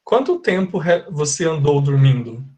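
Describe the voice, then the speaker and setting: A Brazilian Portuguese-speaking man teaching an English lesson live to his class, his voice sitting slightly higher than most men's. He explains step by step, repeats his examples and keeps asking whether everyone has understood. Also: big pitch swings, normal speed, warm tone. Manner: patient, repetitive, checks understanding often.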